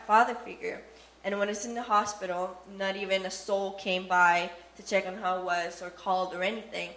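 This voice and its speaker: A woman's voice: medium pitch, fairly bright tone. A young woman who grew up in Costa Rica, giving a plain-spoken, earnest personal faith testimony. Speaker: testimony speaker. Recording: echoey room.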